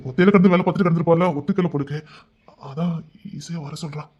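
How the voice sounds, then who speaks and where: A male storyteller with a husky, slightly high voice narrates a romantic drama. He leans into tearful emotion as he voices the characters. The recording sounds dull and lo-fi. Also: fast talker.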